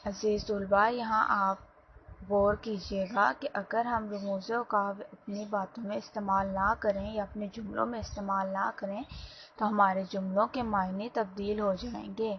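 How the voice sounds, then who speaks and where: A woman's voice: medium pitch, flat delivery. Woman teaching a lesson, lo-fi. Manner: slow, explanatory, addresses students directly. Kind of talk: classroom lesson. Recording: dull lo-fi sound, faint background noise.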